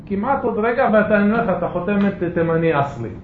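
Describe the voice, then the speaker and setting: A man's voice: high voice, animated, a little hiss or hum. A man teaching pronunciation in a lesson, patiently correcting and explaining with everyday comparisons. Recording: echoey, muffled lo-fi audio.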